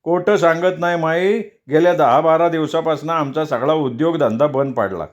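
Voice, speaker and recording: A man's voice: on the high side, moderate pace, muffled recording, pitched above the performer's own voice, lightly acted. A man voicing an aggrieved, grumbling older village man who keeps donkeys, in a storybook reading. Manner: complaining, aggrieved.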